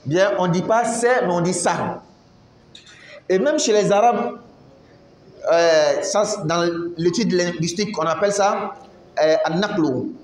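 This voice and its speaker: A man giving a religious lesson to a class, explaining slowly, asking them questions and reciting Arabic phrases. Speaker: religious teacher. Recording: echoey room, faint rumble.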